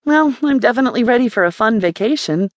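A woman's voice: fairly high pitch, lively intonation, fast, no room sound, voice pushed up, natural voice. A woman voicing a shy young woman scientist in an audiobook, polite and a little defensive. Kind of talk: audiobook character voice.

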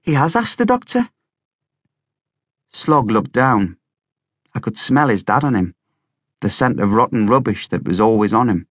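A man narrating an audiobook in a plain, steady storytelling way. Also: fairly low pitch, moderate pace, no echo, clean studio sound.

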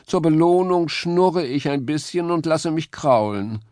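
A man's voice: a little high, expressive, measured pace, darkish tone, no room sound, clean studio sound, pitched above the performer's own voice. A man voicing a haughty, greedy house cat in a children's audiobook, speaking with arrogant drawl.

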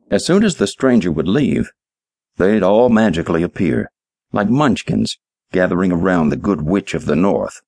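A man narrating a short story in an audiobook, reading in a measured storytelling manner. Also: deep voice, a little mellow, no echo, studio quality. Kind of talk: scripted narration.

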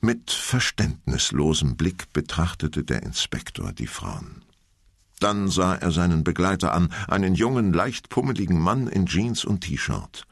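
A male audiobook narrator reading in a measured, expressive way. His voice is very deep, gravelly and husky, with a lively melody. The sound is dry and close. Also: no echo. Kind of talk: scripted narration.

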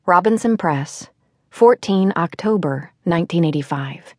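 A woman's voice: on the low side, animated, unhurried, dry recording, clean studio sound. A woman audiobook narrator reading a reflective, musing passage. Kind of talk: scripted narration.

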